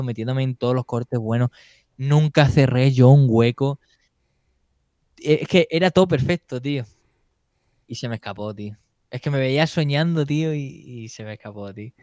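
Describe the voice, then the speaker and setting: Casting: young adult male guest, mid-pitch, animated storyteller, casual slang, dry close recording. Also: clear, resonant tone, no echo. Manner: animated storytelling, keeps saying "tío". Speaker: interview guest, mountain bike racer. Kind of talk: casual interview chat.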